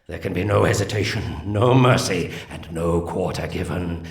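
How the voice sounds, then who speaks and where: Playing a video game's zealous alien elf war leader, an actor delivers solemn mission briefings in lofty, archaic speech, his mood grim. The male voice is low and creaky at a moderate pace, and the sound is roomy.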